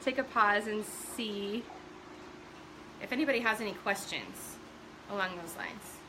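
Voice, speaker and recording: A woman's voice: mid-range voice, a little slow, noisy background. A middle-aged woman hosting a casual live stream from home, chatty and full of fillers, greeting viewers by name.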